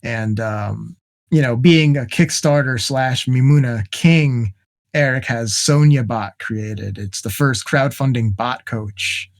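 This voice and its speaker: A man's voice: medium pitch, slow pace. A man hosting a podcast in loose, casual chat with a mid-range voice. He jokes and laughs easily as he talks, keeping things light. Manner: joking, laughs often. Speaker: podcast host. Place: home in Massachusetts.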